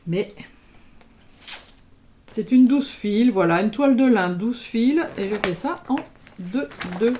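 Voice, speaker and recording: A woman's voice: fairly high pitch, animated, slow pace, pauses often, mellow, slight background noise. A woman chatting casually as an embroidery vlogger, showing her projects and peppering her talk with little interjections. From France. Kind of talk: casual show-and-tell chat.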